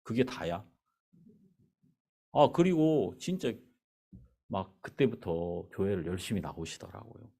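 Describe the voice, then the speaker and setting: This pastor speaks in a low register at a measured pace, leaving long pauses. Preaching in the church sanctuary, he tells a story and brings its dialogue to life like an animated storyteller.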